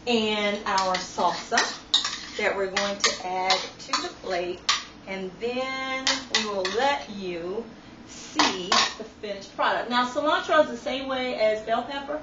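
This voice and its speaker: A woman's voice: a little high, slow, heavy background noise. Upbeat woman demonstrating a recipe. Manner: chatty, upbeat, instructive. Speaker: home cook demonstrating a recipe. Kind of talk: home cooking demonstration. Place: home kitchen. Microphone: phone camera from a distance. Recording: echoey kitchen, distant lo-fi phone video. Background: clattering dishes and cutlery.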